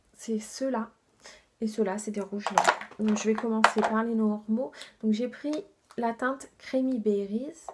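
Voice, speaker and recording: A woman's voice: on the high side, a little mellow, slight background noise. A woman reviewing her makeup haul in a chatty, enthusiastic way, with many fillers and asides that drop to a half-whisper. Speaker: beauty vlogger.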